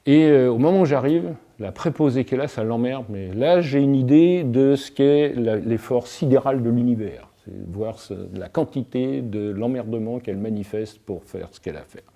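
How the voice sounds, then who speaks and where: A man's voice: mid-range voice, moderate pace, hardly any pauses, mellow. A man speaking as a guest in a discussion, philosophical and playful, telling everyday anecdotes and playing with words. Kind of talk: reflective talk in a discussion.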